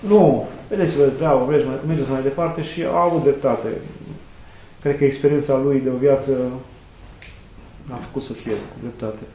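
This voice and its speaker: A middle-aged Orthodox priest who serves as a student chaplain tells earnest, reflective stories in a conversational interview, quoting sayings and saints. His voice is medium-pitched and mellow. The room is echoey, with slight background noise.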